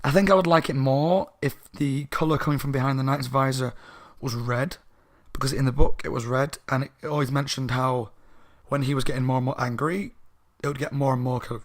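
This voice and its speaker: Casting: a tipsy guy reviewing a book, rambling, mid pitch. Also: steady tone, brisk. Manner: rambling, tipsy, self-correcting.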